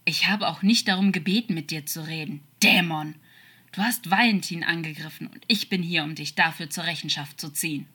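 A woman's voice: on the low side, a little fast, bright, forceful tone, breathy edge. A woman voicing a cold, scornful angel who speaks with hard contempt, in an audiobook fan-fiction reading. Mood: furious.

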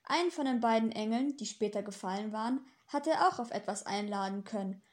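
A woman narrating a novel chapter as an audiobook in a steady, even storytelling manner. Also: medium pitch, a little fast. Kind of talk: scripted narration.

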